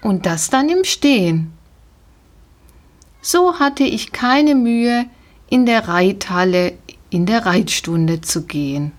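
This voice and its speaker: A woman narrating a children's storybook in a calm, gentle, measured way. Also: medium pitch. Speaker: audiobook narrator. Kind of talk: scripted storybook narration, first person as a horse.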